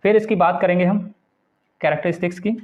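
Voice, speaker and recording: A man teaching English literature in a Hindi lecture, reading English definitions slowly and then explaining them patiently. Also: high-pitched, steady tone, darkish tone. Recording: tinny phone-like sound.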